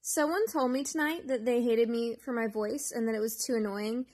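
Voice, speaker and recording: A woman's voice: fairly high pitch, steady tone, moderate pace, a little mellow. A young woman teasing her viewers in a sassy way.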